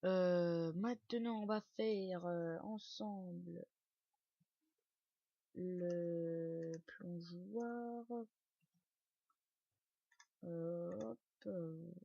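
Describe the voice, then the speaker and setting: A man's voice: sits high, steady tone, extremely slow, creaky, pauses often, warm tone, no echo. A man giving a chatty, joking gameplay building tutorial with casual swearing and lots of fillers. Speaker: video game building tutor. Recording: dull lo-fi dry recording.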